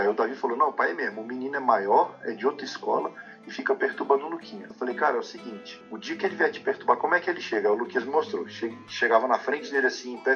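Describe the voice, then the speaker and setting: A man's voice: mid-range voice, muffled recording. A middle-aged man from Brazil in casual chat, telling stories animatedly and acting out dialogue. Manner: animated, acts out quoted dialogue. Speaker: podcast co-host.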